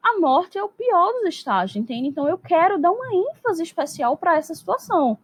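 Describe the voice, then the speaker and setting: A woman teacher explains grammar in a recorded lesson, patiently checking in with "né?" and "tá?" throughout. Her voice is very high with wide pitch swings and a slightly fast pace, and she lifts it further when acting out example sentences.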